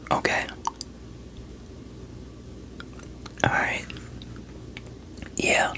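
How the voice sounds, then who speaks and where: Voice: takes it slowly, pushed and bright. A performer in a whispered role-play voicing a veteran police interrogator who coaxes and pressures a suspect in a sceptical, streetwise way. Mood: impatient, dry.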